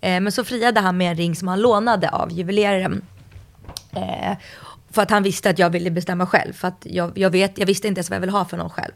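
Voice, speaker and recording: Kvinna, knarrig röst, livlig berättare, avslappnat samtal. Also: female voice, on the low side, vocal fry. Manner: lively storyteller, acts out quotes. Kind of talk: casual chat.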